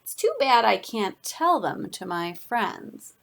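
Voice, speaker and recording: A woman's voice: mid-range voice, very animated, slow pace, gravelly, exaggerated voice. A woman voicing a dissatisfied talking shape from a storybook, drawn out and wishful, always wanting more. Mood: confiding.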